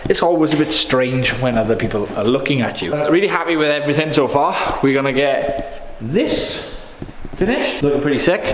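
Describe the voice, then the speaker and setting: A man chatting upbeat to camera as a painter vlogging, his voice echoing in an empty shop as if under a bridge. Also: a little high. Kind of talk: casual vlog to camera. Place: empty indoor shop being fitted out. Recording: echoey hall-like room, some noise.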